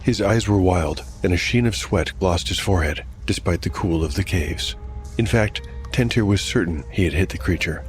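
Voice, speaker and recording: This fantasy story comes from a male game master whose very low voice moves at a normal speed. The narration is scripted and dramatic, backed by faint music.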